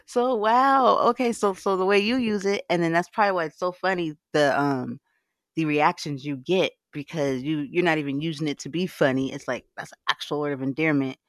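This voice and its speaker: A woman's voice: sits low, normal speed, no room sound. Chatty laughing woman hosting live audio. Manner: chatty, laughs often, frank with swearing. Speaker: livecast host. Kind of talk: casual live audio chat.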